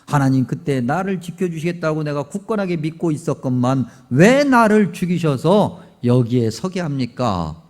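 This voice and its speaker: A man's voice: a little high, lively intonation, moderate pace, few pauses, a little mellow, close to an everyday voice. A man voicing a stubborn, aggrieved man who indignantly protests before God, in a sermon story. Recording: long church reverb.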